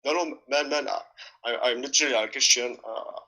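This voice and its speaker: A young man from Lebanon calls in to a live show over an internet call. His voice is very bright and sharp, and he talks in a halting, stumbling way. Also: medium pitch. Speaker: caller. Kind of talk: phone-in call. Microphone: calling in over Skype.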